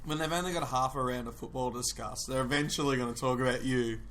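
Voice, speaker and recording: A man's voice: mid-range voice, steady tone, quick pace, a bit bright, slight background noise. An Australian man co-hosting a casual chat, joking and needling, sometimes mock-serious. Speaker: podcast co-host.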